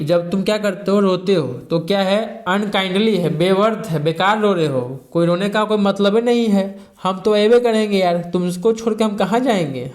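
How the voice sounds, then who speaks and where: High-voiced man explaining a poem. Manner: reads lines slowly, then explains with frequent "ठीक है" fillers. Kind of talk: casual Hindi-English lesson.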